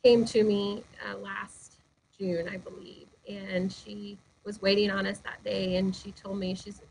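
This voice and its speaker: A woman's voice: medium pitch, little pitch movement, measured pace, creaky, a little mellow, slightly rough, poor audio. A woman pastor telling heartfelt personal stories in an interview, earnest and speaking with frequent fillers. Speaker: lead pastor. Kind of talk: personal storytelling in a webinar interview.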